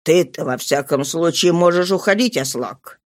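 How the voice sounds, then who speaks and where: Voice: mid-range voice, normal speed, no echo, clean studio sound, lightly acted. An audiobook reader voicing a stern male landowner, a former sailor, who gives curt orders. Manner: curt, commanding. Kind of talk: audiobook character voice.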